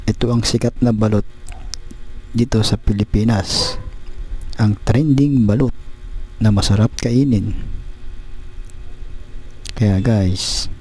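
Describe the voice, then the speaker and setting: A man's voice: fairly low pitch, steady tone, a little slow, long pauses, dark tone, slight background noise, rough recording. A man with a Filipino accent presenting a casual food vlog, exclaiming and repeating short catchphrases, mixing in some English. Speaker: mukbang vlogger.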